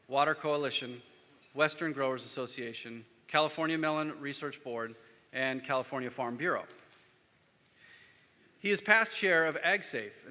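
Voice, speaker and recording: A man moderating a conference panel who reads formal speaker introductions and slips into quiet offhand asides. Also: fairly high pitch. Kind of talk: reading speaker bios at a conference. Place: conference hall. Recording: reverberant hall sound.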